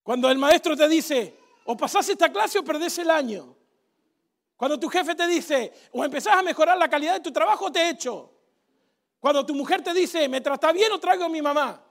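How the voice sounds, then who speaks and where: A man delivers a sermon in a strikingly high voice with a rough, gravelly edge. He preaches with animated sarcasm and gets the congregation to repeat phrases back to him. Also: normal speed. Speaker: pastor.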